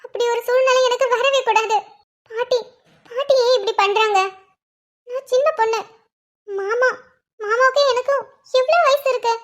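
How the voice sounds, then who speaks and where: A woman's voice: extremely high pitch, normal speed, pauses often. A woman voicing a worried young college girl in a cartoon, thinking aloud in an anxious inner monologue. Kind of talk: cartoon voice acting.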